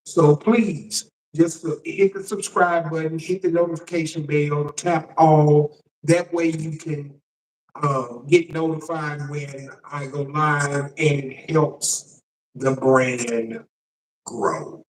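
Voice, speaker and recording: A man hosting a live political news stream as a shock jock, talking casually to viewers in a halting way and repeating words. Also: on the high side, steady tone. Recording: roomy echo, distant microphone.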